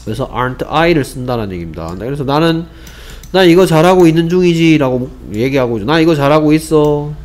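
Male English teacher, patient explainer, drills example sentences slowly and checks understanding often. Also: a little high, animated, darkish tone. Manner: asks rhetorical check questions, repeats example sentences slowly. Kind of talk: grammar lesson.

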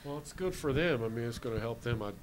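A baseball manager in his forties with a Canadian accent answers postgame questions in an indoor hallway, speaking plainly and matter-of-factly into a handheld reporter mic. His medium-pitched voice is expressive and quick. A slight hiss or hum sits under the audio.

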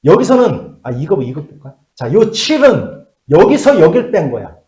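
A middle-aged man teaches math in a classroom. His pitch rises and falls a lot as he checks whether the students follow. The room around him rings with echo. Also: normal speed. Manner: lively, asks checking questions, drops to mutters while writing. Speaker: math tutor.

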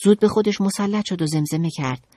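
A woman narrating a children's audiobook in an expressive, dramatic storytelling manner. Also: mid-range voice, no echo, studio quality.

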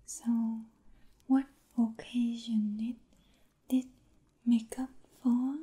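A young woman playing a gentle Vietnamese princess in a whispered role-play, speaking in a soft, breathy whisper with a Vietnamese accent and short, soothing, attentive phrases. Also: a little high, flat delivery, drawn-out words. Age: young adult.

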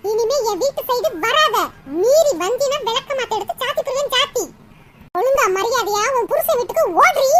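A voice actor playing a fierce, scolding village mother-in-law in a cartoon. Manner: scolding, shrill nagging. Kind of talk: cartoon dub acting. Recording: loud background noise.

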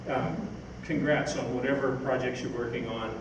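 Speaking at normal speed with a medium pitch and fairly even intonation, an older man answers questions from an audience. He's a science fiction writer on stage in an event hall, and his talk is informal, rambling, and anecdotal. The distant camera mic makes it echoey and noisy.

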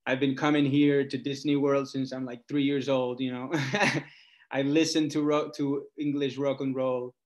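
A man with a mid-range voice speaks unhurriedly, with little movement in pitch. He's a singer-songwriter from Buenos Aires, Argentina, chatting casually as a guest in an interview. He's informal and tells stories, often dropping "like" and "you know."

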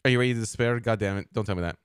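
A man's voice: on the low side, rapid-fire, clean tone, no room sound. Chatty man talking to his viewers, dry sound. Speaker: streamer. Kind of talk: casual chat with viewers.

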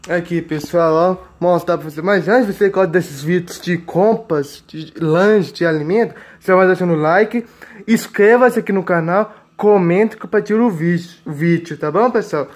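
A young man in his late teens, Brazilian-accented and speaking at a normal speed in a high voice, vlogs from his home kitchen. He casually goes over a grocery haul, repeating himself and using filler tags, as plastic bags crinkle.

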